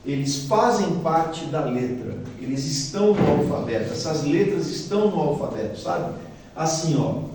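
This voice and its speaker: A man's voice: on the high side, a little mellow. A man with a Brazilian Portuguese accent giving a chatty, explanatory lecture with slides, often checking in with his audience. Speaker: guest lecturer. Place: large hall at a spiritist center. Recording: very echoey hall, voice far from the mic, faint noise.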